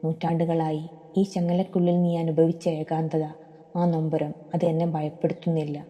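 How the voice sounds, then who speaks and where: Storybook hero, played by a woman: a steady young man, gentle, low and dark-toned, with long reverb. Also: normal speed, close to an everyday voice. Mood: calm tender. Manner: calm, gentle.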